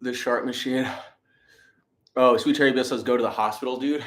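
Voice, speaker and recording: A man's voice: mid-range voice, steady tone, moderate pace. A man chatting casually on a live stream, his mouth burning from spicy food, lightheaded and sweating, sighing and coughing. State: lightheaded and sweating from a hot pepper. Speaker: livestream host. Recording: echoey room.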